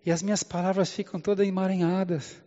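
A man's voice: high voice, little pitch movement, fast, warm tone, natural voice. Give me a preacher voicing a self-doubting Moses, anxious and pleading, stumbling over his words in a dull, echoing recording. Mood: hesitant. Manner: hesitant, pleading, stammering. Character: timid self-doubting Moses, adult man. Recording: echoey hall, dull lo-fi sound.

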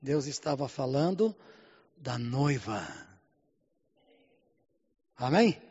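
A Brazilian man preaching a sermon in Portuguese, often calling out "Amém?" and "Glória a Deus", swinging between loud and hushed lines. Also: medium pitch, lively intonation, drawn-out words, husky. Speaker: pastor. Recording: muffled sound with long hall reverb.

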